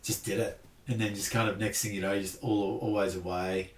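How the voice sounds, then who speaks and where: A man's voice: fairly low pitch, little pitch movement, a little fast, far from the mic, slight background noise. A laid-back Australian man talks in a loose, self-deprecating way, dropping "like" all through his sentences. He sits a bit back from the mic, and the room gives his voice a noticeable echo. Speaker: podcast guest. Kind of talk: casual chat. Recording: roomy sound, off-mic.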